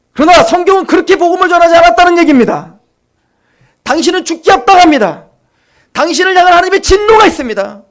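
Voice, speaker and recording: A male pastor with a very high-pitched voice preaches an impassioned sermon, firing rhetorical questions at the congregation and dropping to quiet asides.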